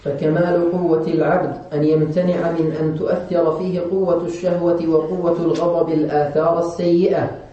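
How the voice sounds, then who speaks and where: A man reading a religious text aloud to the lesson in a steady, even voice. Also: on the high side. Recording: distant, very echoey, muffled.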